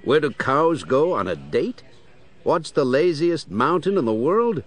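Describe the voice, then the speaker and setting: An actor playing a baffled, gruff male police commissioner in a children's audio drama, puzzled and exclamatory. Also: fairly high pitch, big pitch swings, measured pace, soft background music.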